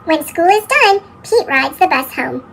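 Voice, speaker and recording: Reading children's picture books aloud, a woman tells the stories with animation, exclaiming, asking questions and answering them for young kids, and sings refrains along the way. A sped-up chipmunk effect makes her voice very high; she's unhurried, with vocal fry and slight background noise.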